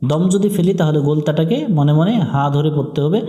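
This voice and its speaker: A man teaching Quran recitation in a slightly high, mellow voice. He spells out letters and vowel marks one by one, then chants the verse in long, drawn-out tones. The recording carries a noticeable room echo. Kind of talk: step-by-step recitation lesson.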